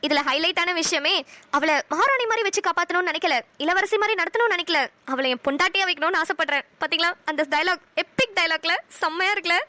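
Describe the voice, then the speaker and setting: High, bright-voiced woman voicing cartoon family. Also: fast, no room sound. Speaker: voice artist for many family characters.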